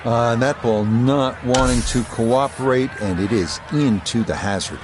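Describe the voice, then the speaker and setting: A man giving golf commentary as the play-by-play announcer, calling shots in a measured, understated way. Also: mid-range voice, background noise. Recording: background music and crowd sound.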